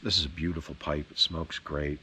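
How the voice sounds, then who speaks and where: Very deep-voiced man rambling casually. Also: flat delivery, a little fast, pushed and bright, slight background noise. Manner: rambling, opinionated, folksy. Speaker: pipe tobacco reviewer and vlogger. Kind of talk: casual rambling video chat.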